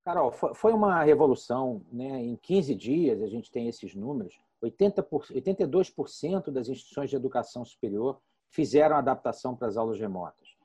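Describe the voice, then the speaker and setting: A man, speaking as a guest in a panel discussion on education, explaining in a measured way. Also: mid-range voice, animated, warm tone, slightly rough.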